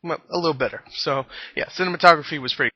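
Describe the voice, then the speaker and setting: A man's voice: a little high, fast, slightly rough, no echo. Rambling man reviewing a film, lo-fi. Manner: rambling, chuckling, many restarts. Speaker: movie reviewer. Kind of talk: casual spoken movie review. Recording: dull lo-fi dry recording.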